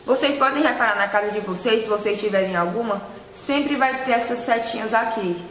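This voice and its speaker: Her voice is slightly high and her delivery brisk as she casually shows off products on camera, selling and vlogging. It's recorded in a small indoor room lined with shelves, with echo and loud noise in the background.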